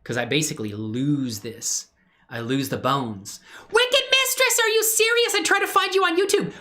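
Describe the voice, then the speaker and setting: Fairly high-pitched, pushed and bright at a normal pace, this livestream host gushes over his viewers in playful slang. Screen-sharing his hobby 3D animation, he drifts into mumbled, rambling commentary as he works.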